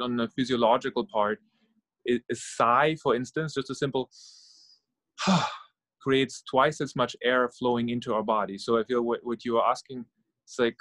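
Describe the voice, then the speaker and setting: A middle-aged man from Norway and Germany, a guest on an interview, thinking aloud in a relaxed way with many fillers and soft sighs. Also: medium pitch, no echo. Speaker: guest, startup founder and meditation guide. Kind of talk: casual interview conversation.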